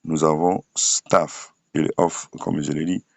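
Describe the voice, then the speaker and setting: A man teaching English pronunciation to French speakers, slowly saying each word several times with many hesitation fillers. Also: a bass voice, level tone, vocal fry, no room sound. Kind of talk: screen-shared phonics lesson.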